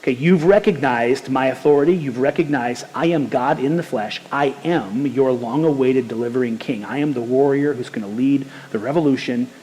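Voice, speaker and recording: A man preaching a sermon as pastor, lively and conversational with casual slang. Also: medium pitch, moderate pace, hardly any pauses, in a large hall, slight background noise, poor audio. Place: church sanctuary.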